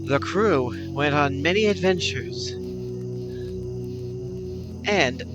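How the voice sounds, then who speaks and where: A man putting on a grand epic-announcer voice to narrate a pirate legend like a storybook, slow and theatrical. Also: a little high. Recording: clear music behind the voice.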